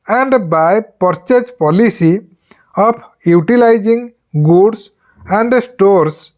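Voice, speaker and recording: A reader dictating a formal speech for shorthand practice, in deliberate short word groups with pauses between them. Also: mid-range voice, darkish tone.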